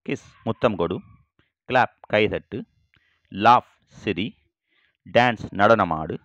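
A man teaching English vocabulary, saying each phrase slowly and then repeating it in translation. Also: fairly low pitch, a bit bright, no room sound, highs cut off. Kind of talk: bilingual vocabulary lesson.

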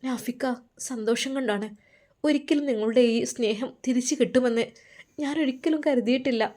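A woman's voice: medium pitch, normal speed, dark tone, natural voice. A woman voicing a loving young wife who speaks with emotional, pleading tenderness. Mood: tearful joy.

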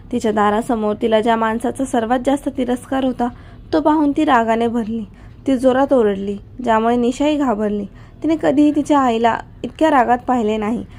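A woman narrates an emotional family drama in a steady, even reading style. Her voice is fairly high and warm, with a mellow tone. She reads the story as a storyteller.

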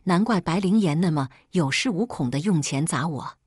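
A woman telling a first-person story in calm, steady scripted narration. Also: on the low side, normal speed, slightly rough, no echo, studio quality.

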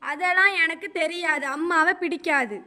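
A woman's voice: very high-pitched, moderate pace, sharp tone, long reverb tail, full character voice. A woman playing a stubborn, withdrawn teenage daughter who answers in blunt, pouting, childish retorts. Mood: sulky. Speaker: daughter at counseling. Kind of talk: amateur comedy stage acting.

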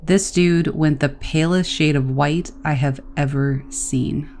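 A woman reads stories aloud in a calm, even manner. Her voice sits quite low for a woman. Soft music plays faintly underneath. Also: takes it slowly. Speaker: narrator.

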